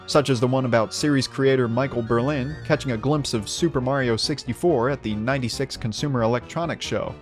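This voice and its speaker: A young man narrating a scripted video game review in a wry, sarcastic way. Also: mid-range voice.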